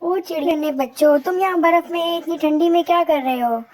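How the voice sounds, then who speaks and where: A woman voicing a jolly old male Santa Claus for a storybook cartoon, booming and calling out loudly. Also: a little fast. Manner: booming, high and shouted.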